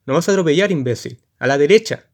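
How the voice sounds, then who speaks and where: A man voicing an angry cab driver who shouts insults from out of sight, in a storybook reading. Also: fairly high pitch, lively intonation, quick pace. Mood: furious. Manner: shouting, cursing.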